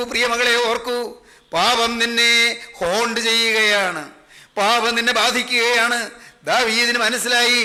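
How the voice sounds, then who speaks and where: A male preacher with a very high, sharp and bright voice delivers a sermon. He piles up repeated rhetorical questions, addressing listeners as son and daughter. His pitch stays narrow and even, with little rise or fall.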